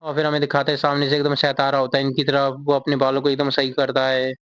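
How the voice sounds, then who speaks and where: Man, manga recap narrator, smooth clear tone, dry dull recording. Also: mid-range voice, completely flat delivery, fast talker, a bit bright. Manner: reads character lines in the same plain voice. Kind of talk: casual storytelling recap.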